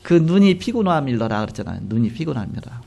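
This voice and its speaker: Gravelly-voiced Korean pastor preaching. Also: male voice, mid-range voice, fast. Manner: animated storytelling, acting out quoted dialogue. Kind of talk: sermon.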